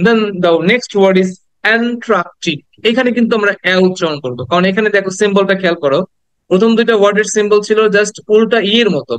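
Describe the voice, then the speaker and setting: A man with a Bangladeshi accent teaching English pronunciation to a class, mixing Bengali and English and slowly repeating each word for students to say after him. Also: high voice, smooth, no echo, low-quality recording.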